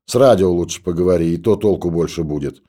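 A man voicing a gruff, scolding stoker who grumbles and orders others about. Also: sits low, expressive, moderate pace, warm tone. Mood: grumbling. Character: gruff old stoker in a monastery.

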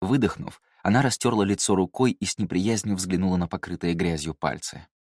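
A man narrating a fantasy novel in an even, measured storytelling manner. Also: low-pitched, no echo, studio quality. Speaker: audiobook narrator. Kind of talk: scripted narration.

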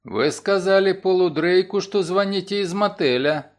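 Man reading a terse lawyer, low, clipped, level questions. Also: moderate pace, lightly acted. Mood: curt. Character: calm, terse middle-aged male lawyer.

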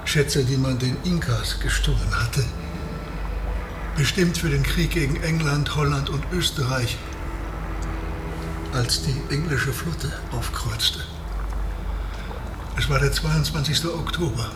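An actor playing a proud, secretive submarine captain with hidden compassion in a German radio drama, speaking formally and with measured command. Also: male voice, medium pitch, close to an everyday voice. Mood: composed, proud. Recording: roomy echo, background noise.

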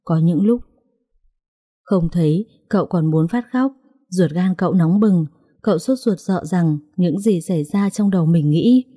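Woman reading a drama story, low mellow voice, dry close mic. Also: unhurried, breathy edge, dry recording.

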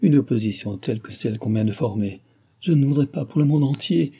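A shaken young bride in an audiobook, answering softly but firmly, voiced by a man with a dark, husky voice. Her lines sit slightly above the reader's usual tone. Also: expressive, brisk. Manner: low, firm but weak.

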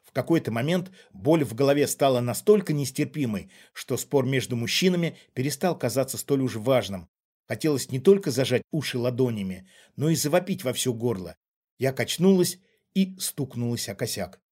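A man reading a first-person story as an audiobook narrator in a steady, even manner. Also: medium pitch, moderate pace, husky. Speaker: audiobook reader.

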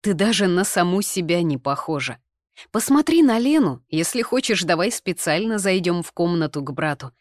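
A woman voicing an excited, slightly drunk young man who keeps insisting to his fiancée. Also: on the low side, moderate pace, dry recording, clean studio sound. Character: young man, heroine's ardent, tipsy fiancé.

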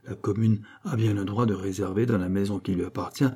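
A man's voice: fairly low pitch, steady tone, fairly quick, dark tone, slightly rough. A man voicing a boastful young villager who lectures his neighbours in an emphatic, pompous way. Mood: lecturing. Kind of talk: audiobook character voice.

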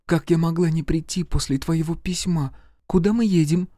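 A man voicing an eager young noblewoman in an audiobook, speaking in a breathy whisper. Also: a little high, moderate pace, dark tone, dry recording, studio quality, voice pushed up, lightly acted. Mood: rapturous.

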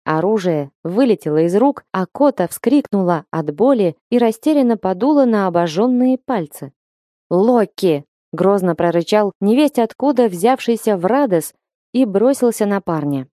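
A woman reading a story aloud as an audiobook narrator, in a steady, expressive way. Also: mid-range voice, moderate pace, no room sound, studio quality. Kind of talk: scripted narration.

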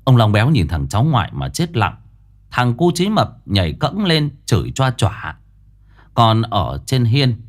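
A man telling a ghost story as dramatic, expressive scripted narration. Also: mid-range voice.

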